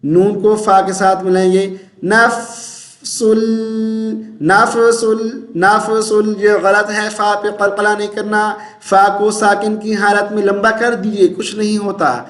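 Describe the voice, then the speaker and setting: A man teaching Quran recitation and pronunciation, patiently repeating syllables slowly and chanting verses in drawn-out tones. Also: high-pitched, little pitch movement, a bit bright, echoey room, soft background music. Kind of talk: tajweed pronunciation lesson.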